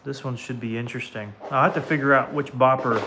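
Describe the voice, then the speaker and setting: A man's voice: mid-range voice, fairly even intonation, fast talker, pushed and bright, slight background noise. Southern man chatting while knapping stone. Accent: American Southern. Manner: chatty, talks to viewers by name while working. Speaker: livestream host. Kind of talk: casual live-stream chat while flintknapping. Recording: clicks and knocking of stone work.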